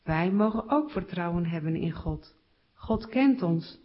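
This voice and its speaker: A woman telling a Bible story to children in simple, clear words. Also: on the low side, lively intonation, unhurried. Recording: slightly dull recording.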